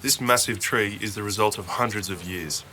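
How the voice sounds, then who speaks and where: A man reading a measured, scripted nature documentary voice-over. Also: lowish voice, bright, forceful tone, a little hiss or hum. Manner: measured, informative delivery. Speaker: documentary narrator.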